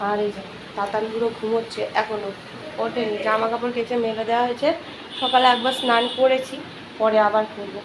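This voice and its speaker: A young woman chatting casually through her daily home vlog, narrating her morning, with high sing-song baby talk for her toddler. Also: flat delivery, brisk, reverberant, noisy background. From West Bengal, India. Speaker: vlogger. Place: home, indoors.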